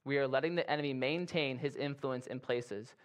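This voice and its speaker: A man's voice: mid-range voice, fairly quick. Conversational man preaching a sermon. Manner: conversational, acts out quoted soldiers with playful asides. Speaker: pastor.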